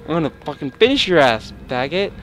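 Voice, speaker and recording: A young man playing a horror game, swearing, panicking and yelling at what chases him. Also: on the high side, big pitch swings, a little fast, faint music behind. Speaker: gameplay streamer.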